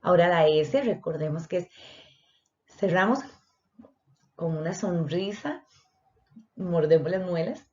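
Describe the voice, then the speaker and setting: A woman's voice: fairly low pitch, measured pace, long pauses, darkish tone. A woman teacher, explaining a lesson and speaking directly to her students. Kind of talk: online voice lesson. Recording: dull lo-fi recording.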